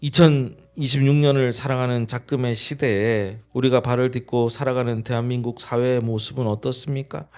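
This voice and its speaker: A male pastor preaching a sermon, leading the congregation in reading and asking them questions. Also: medium pitch. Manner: lively sermon with call-and-response reading.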